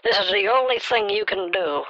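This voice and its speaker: A man talking through a pitch-shifted voice changer on a call, earnestly lecturing the other caller and repeating his name. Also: animated, moderate pace, sharp tone, dry recording, dull audio. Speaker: scam baiter on a call. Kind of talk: phone call confrontation.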